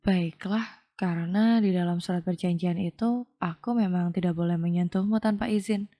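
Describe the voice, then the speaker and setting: A woman reading the lines of a cold, expressionless young man in an audio novel, in a flat, even delivery. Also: lowish voice, moderate pace, close to an everyday voice.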